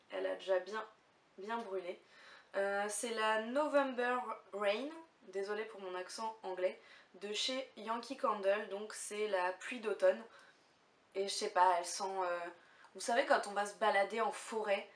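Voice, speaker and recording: In an echoey home room, picked up by a far-off mic with a faint hiss, a young female beauty vlogger chats to camera. Her pitch is medium and her intonation fairly level, unhurried, and she hesitates a lot, using many fillers.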